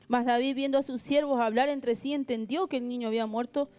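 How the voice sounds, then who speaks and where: A woman's voice: fairly high pitch, steady tone, a little fast, a little mellow. A woman preaching a sermon, earnest, reading scripture and asking the congregation rhetorical questions. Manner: reads scripture aloud between remarks.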